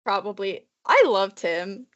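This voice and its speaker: A young woman co-hosts a podcast, chatting casually and rambling with lots of fillers. Her medium-pitched voice is animated and a bit bright, moving at a measured pace. The recording sounds muffled and lo-fi.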